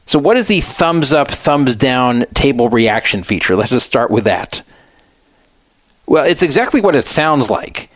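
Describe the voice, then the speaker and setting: Speaking a little slowly in a medium-pitched, sing-song, slightly bright voice with no echo, a radio host reads out a statement. He then explains it in a conversational, explanatory talk radio manner.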